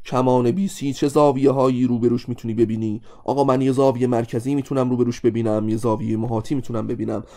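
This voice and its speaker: Mellow-voiced animated male math teacher. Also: mid-range voice, few pauses. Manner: animated, keeps addressing students directly. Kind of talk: exam-review lesson.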